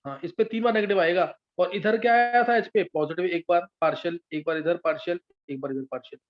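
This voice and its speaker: Teaching chemistry in a live online class, a high-voiced man patiently works through structures, stopping repeatedly to ask whether students understand. The sound quality is dull and lo-fi.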